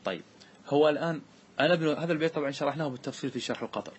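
A man's voice: on the high side, racing, slight background noise. A man teaching a classical grammar lesson as sheikh, who keeps asking his class questions, answers them himself and patiently repeats each rule.

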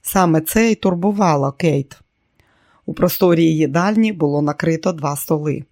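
Audiobook narrator, measured and even, mid pitch, dead-dry close sound. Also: no echo. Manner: measured storytelling. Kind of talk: scripted narration.

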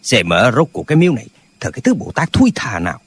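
A man voicing a band of quarrelsome, pedantic old martial-arts brothers in an audiobook, with a husky voice. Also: medium pitch, huge pitch swings, fast. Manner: bickering, pedantic, squabbling.

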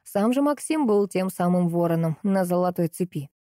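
Mellow-voiced woman narrating a novel. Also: fairly low pitch, animated, moderate pace, no echo, studio quality. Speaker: audiobook narrator. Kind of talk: first-person novel narration.

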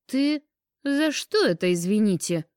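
A woman's voice: on the low side, dark tone, no echo, studio quality, lightly acted. A woman reading an audiobook and voicing a nosy young woman friend who teases, pouts and takes offence easily. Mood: indignant. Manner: teasing, indignant, quick to take offence.

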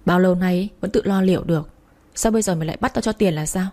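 A woman's voice: on the low side, fast talker, dark tone, natural voice. A woman voicing a contemptuous, abusive husband with curt, insulting lines.

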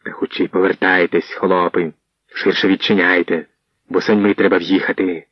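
A man reading an imperious, hoarse, scornful boyar in an audiobook. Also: low-pitched, level tone, moderate pace, dry recording. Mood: commanding. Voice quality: hoarse, domineering. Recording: dull muffled audio.

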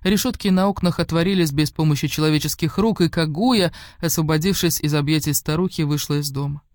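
A woman reading an audiobook of a fairy tale in a measured, expressive storytelling manner. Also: deep voice, no echo, clean studio sound. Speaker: audiobook narrator. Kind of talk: scripted narration of a fairy tale.

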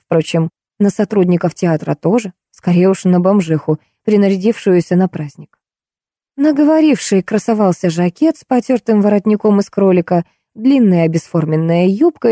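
A woman narrating a novel aloud as a lively, expressive audiobook reading. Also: medium pitch, dry recording, studio quality. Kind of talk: scripted narration.

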